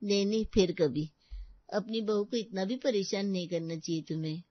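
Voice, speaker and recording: Cartoon role: a woman playing a nosy neighbor aunt, sharp complaints, dry close sound. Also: mid-range voice, moderate pace, no room sound, close to an everyday voice. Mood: snippy. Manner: snippy, complaining. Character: gossipy middle-aged neighbor woman. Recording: dull dry lo-fi recording.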